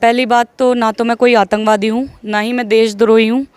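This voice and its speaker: A woman's voice: on the high side, flat delivery, brisk, a little mellow, clean tone. Indignant woman telling her side. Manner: emphatic, indignant storytelling. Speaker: interviewee. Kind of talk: recounting an incident in an interview.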